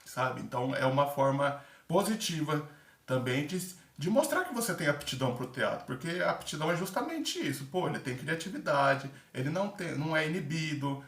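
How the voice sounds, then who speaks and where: Brisk and lively in intonation, the man speaks with a fairly high, slightly bright voice. He draws on his time as a theater-course candidate to give casual vlog advice about the aptitude test, chatting with lots of fillers and acting out examples. Sound comes from an echoey room with the mic set back.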